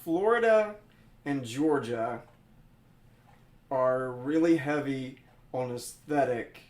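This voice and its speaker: A man's voice: medium pitch, lively intonation, slow, darkish tone. A man, chatting casually as an interview guest and rephrasing as he explains things. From Mississippi, United States. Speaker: drag queen guest being interviewed. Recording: echoey room sound.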